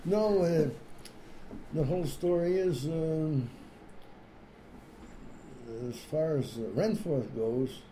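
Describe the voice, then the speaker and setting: An older man with a very dark, mellow voice recalls old times in a rambling, hesitant way, dotted with fillers. The room around him is echoey with a light hiss of noise. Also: a little high, slow, long pauses. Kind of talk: casual reminiscing conversation.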